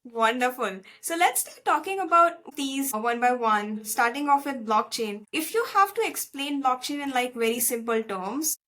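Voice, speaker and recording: Upbeat high-voiced woman host. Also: lively intonation, normal speed, hardly any pauses, pushed and bright. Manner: upbeat, encouraging interviewer. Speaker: podcast host. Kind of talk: interview questions.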